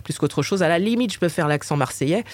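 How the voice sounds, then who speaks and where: A woman's voice: on the low side, animated, fast talker, darkish tone, no echo. A woman in her forties from the Paris suburbs with a suburban Parisian accent, answering interview questions hesitantly with many fillers. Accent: Paris suburban French. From Paris suburbs, France. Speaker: author and interviewee.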